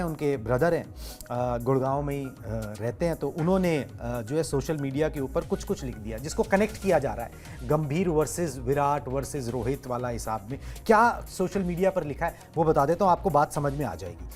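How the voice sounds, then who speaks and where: A man's voice: on the high side, a little mellow. Man hosting a conversational sports show. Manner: conversational, drawn out with filler pauses. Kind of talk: sports talk show discussion.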